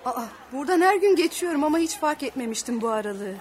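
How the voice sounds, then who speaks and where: A woman's voice: high voice, expressive, fast, a faint crowd, a little hiss or hum. A woman playing a fussy, practical middle-aged mother who chides her family, in a radio play. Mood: chiding. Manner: chiding, talkative.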